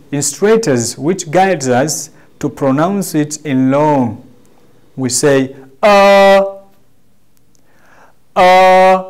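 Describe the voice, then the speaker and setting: A man with a Tanzanian accent teaching a language lesson, drawing out his words slowly and repeating examples for the class. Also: a little high, darkish tone. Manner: slow, drawn-out teaching delivery with repeated demonstrations.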